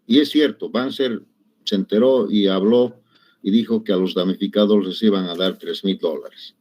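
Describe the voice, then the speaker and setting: A man's voice: on the low side, normal speed, darkish tone. A middle-aged man, teaching an engineering class and telling personal anecdotes in a conversational way, often adding little tag questions and correcting himself mid-word. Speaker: engineering lecturer. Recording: dull lo-fi recording.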